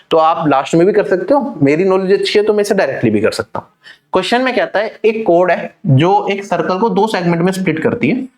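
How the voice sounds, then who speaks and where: Brisk higher-voiced maths teacher. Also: male voice. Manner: brisk, explains step by step and checks in with listeners. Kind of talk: online exam-prep maths lesson.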